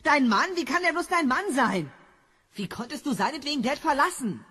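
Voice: sits high, expressive, moderate pace, sharp tone, slight background noise. A performer voicing a confused, frightened teenage boy in an audio drama, stammering in panic. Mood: panicky.

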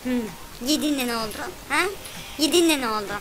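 A woman commentating a game for kids in a playful, whiny, complaining and excitable way. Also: high-pitched, a little fast. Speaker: gameplay commentator.

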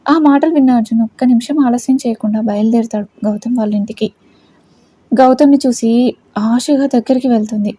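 A woman narrating a dramatic family story in a steady storytelling way. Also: a little high, a little fast, husky.

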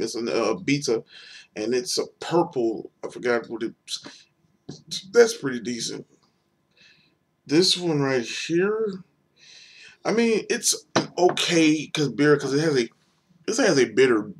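A man's voice: mid-range voice, very animated, unhurried, pauses often, breathy edge. A young man giving a casual, rambling beer review on video, hesitant and full of fillers.

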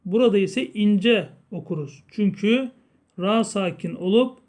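Recitation teacher, man, Turkish accent, slow-spoken, drawn-out chanting. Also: high-pitched, darkish tone. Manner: explains slowly, then chants verses drawn out. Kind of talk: tajweed lesson with chanted recitation.

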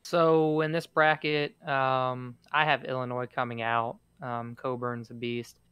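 A man's voice: medium pitch, little pitch movement, a little slow, smooth, no room sound. A man co-hosting a casual sports podcast who teases his co-hosts over their picks. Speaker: podcast co-host. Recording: dry, dull lo-fi mic.

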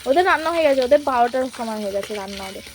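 A woman's voice: on the high side, expressive, rapid-fire, a little hiss or hum. A young woman vlogging casually from her home kitchen, chatting through each cooking step for her viewers on a handheld phone. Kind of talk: casual vlog narration.

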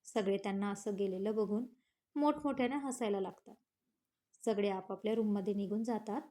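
A woman's voice: medium pitch, normal speed, warm tone. A woman narrating a serialized romance story, reading each part aloud and giving the dialogue light character voices.

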